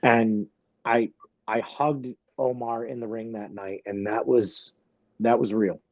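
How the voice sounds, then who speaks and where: Emotional New man, halting speech. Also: medium pitch, fairly even intonation, dry recording, dull audio. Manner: halting, emotional, with many fillers and restarts. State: emotional, close to tears. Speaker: wrestler guest. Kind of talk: emotional podcast interview.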